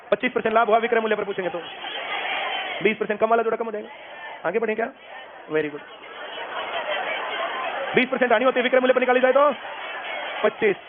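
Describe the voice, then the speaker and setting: A man teaching a maths class. He keeps asking the students whether they have understood. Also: high-pitched. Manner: drilling, asks students if they understood again and again. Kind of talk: classroom lecture. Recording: lo-fi phone-like sound, classroom noise behind.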